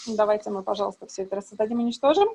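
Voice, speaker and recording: A woman's voice: medium pitch, racing, noisy background. A woman interpreter giving a live consecutive translation voice-over on a video call. She renders each line plainly, with brief hesitations and self-corrections. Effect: live consecutive translation voice-over into Russian.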